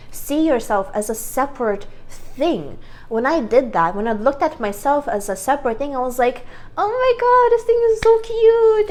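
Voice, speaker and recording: A woman vlogger gives a casual, earnest self-help talk to the camera in a slightly high voice. She rambles and corrects herself along the way, recorded on a clip-on microphone.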